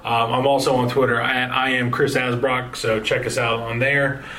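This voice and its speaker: A man's voice: mid-range voice, flat delivery, pushed and bright, low-quality recording. Male sports podcast host, worn out, loose rambling delivery with ums, faint background hiss. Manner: rambling, halting sign-off with many fillers. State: tired. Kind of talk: casual sports podcast chat.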